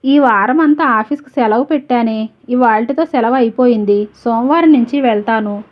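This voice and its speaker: A woman's voice: a little high, normal speed, lightly acted. A woman reading the lines of a proud, wronged young wife who speaks bitterly about her family. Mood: tired. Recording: slightly dull, lo-fi audio.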